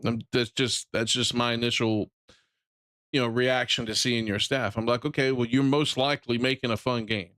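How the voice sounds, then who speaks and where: A man's voice: mid-range voice, steady tone, normal speed, fairly bright tone, no room sound, studio quality. Ranting Southern man on a stream. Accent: Southern American. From Southern United States. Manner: ranting, blunt, repeats and restarts phrases. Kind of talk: live-stream reaction commentary.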